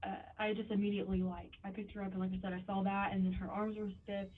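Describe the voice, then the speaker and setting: A woman's voice: mid-range voice, flat delivery, fast talker, far from the mic, slight background noise. A hesitant woman explaining herself in a police interview, her talk full of fillers and trailing phrases. the sound is thin and phone-like, and she sits well back from the microphone. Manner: hesitant, filler-heavy, many likes and ums. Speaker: babysitter questioned by police.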